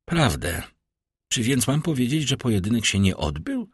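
A man's voice: mid-range voice, big pitch swings, normal speed, breathy edge, dry recording, studio quality, voice pushed up. A man voicing a polite, deferential household servant in an audiobook.

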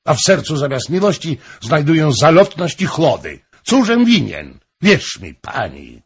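A man's voice: on the high side, sing-song, a little slow, slightly rough, pitched above the performer's own voice, heavily acted. A man voicing a passionate, pleading king in a storybook reading, raised and theatrical.

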